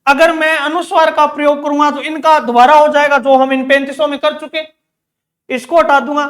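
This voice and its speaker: A man's voice: very high-pitched, flat delivery, a little fast, a bit bright. A man teaching an exam-prep grammar lesson, asking questions and answering them himself, repeating key words. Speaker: Hindi teacher.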